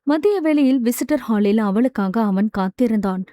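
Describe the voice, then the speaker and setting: A woman reading a romance novel aloud as audiobook narrator, smooth and measured. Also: on the high side, expressive, mellow, no echo, studio quality.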